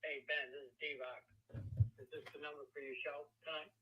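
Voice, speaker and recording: A man's voice: a little high, flat delivery, normal speed, sharp tone, slightly rough. A caller, a man, heard in a voice message played back over the speaker, giving a casual greeting. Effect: voicemail played back over the studio speaker. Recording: faint, distant voicemail playback.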